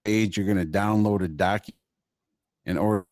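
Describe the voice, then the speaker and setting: Man, low voice, dry sound, online call dropping out, words cutting off, hurried instructions. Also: steady tone, a little mellow, dry recording. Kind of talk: casual livestream chat.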